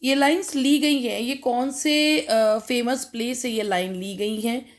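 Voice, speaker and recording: A woman's voice: fairly high pitch, slow. An Indian woman teaching English literature for an exam, reading each question aloud and then explaining it with frequent fillers. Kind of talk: exam-prep lecture.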